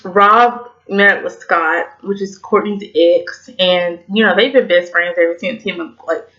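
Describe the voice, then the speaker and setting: A woman's voice: fairly low pitch, steady tone, a little slow, a bit bright, muffled recording. A young woman in her twenties with a Southern US accent, rambling tipsily and swearing through a casual TV review vlog. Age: 20s. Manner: rambling, swearing, many "like" fillers. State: tipsy, slightly slurring. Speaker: TV review vlogger. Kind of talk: casual chat.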